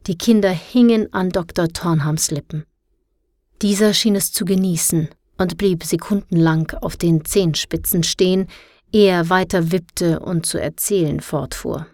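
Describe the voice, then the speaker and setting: A woman narrating an audiobook in a steady, clear reading voice. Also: on the low side, no room sound, studio quality.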